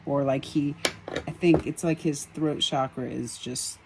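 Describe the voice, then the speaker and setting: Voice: mid-range voice, steady tone, unhurried, heavy background noise. Rambling, musing sketch-artist vlogger. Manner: rambling and musing, with many ums and soft chuckles. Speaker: sketch artist and empathic reader. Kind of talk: casual commentary on a drawing. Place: outdoors on a spring evening.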